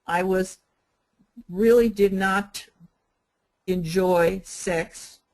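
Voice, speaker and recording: An older woman teaching a spiritual healing workshop in a gentle, unhurried way, repeating and spelling out her points. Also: mid-range voice, fairly even intonation, poor audio.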